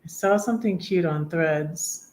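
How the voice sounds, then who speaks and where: A woman in her fifties chatting on a live stream, rambling with many pauses and fillers, sometimes singing a hymn line slowly. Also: fairly low pitch, a little mellow, slight background noise. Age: 50s. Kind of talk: casual live chat.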